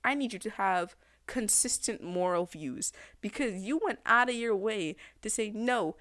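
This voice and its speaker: A woman in the middle of an animated rant, sassy and exasperated, her voice jumping into loud outbursts. She talks slowly and deliberately, leaning on each point. The sound is dry and close, with no room echo. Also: medium pitch. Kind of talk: animated anime rant to camera.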